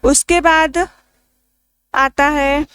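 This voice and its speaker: A woman's voice: high-pitched, steady tone, extremely slow, a bit bright. A woman teaching an exam-prep literature lesson, asking questions and answering them herself, repeating key points and reading English lines into her explanation.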